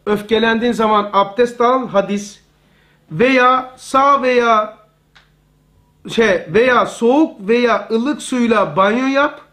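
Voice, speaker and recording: A man's voice: very high voice, slow, bright, forceful tone. A man teaching a religious study lesson to a live circle of listeners, talking conversationally and repeating key phrases for emphasis.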